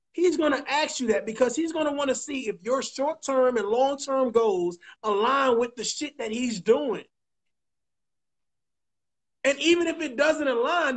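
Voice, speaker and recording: Emphatic preachy man hosting a talk show. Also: extremely high pitch. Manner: emphatic, preachy, swears, repeats points slowly. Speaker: podcast host.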